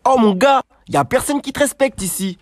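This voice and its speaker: A man's voice: very high-pitched, lively intonation, brisk, no room sound, clean studio sound. A man playing a scheming streetwise hustler. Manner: boastful, wheedling street slang. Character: scheming streetwise young man called the rat. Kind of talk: comedy sketch acting.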